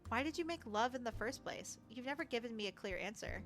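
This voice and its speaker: A woman's voice: fairly high pitch, animated, fast talker, soft background music, lightly acted. A woman voicing a blunt, sarcastic young freelance supervillain in a comic game. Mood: pressing.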